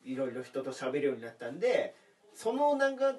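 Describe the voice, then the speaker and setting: A man's voice: medium pitch, sing-song, a little fast, darkish tone, distant mic. A man in his thirties from Aomori with a faint Aomori intonation mixed with Nagoya traces, a comedian rambling through stories in casual podcast chat and laughing often. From Aomori, Japan. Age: 30s. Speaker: comedian co-host.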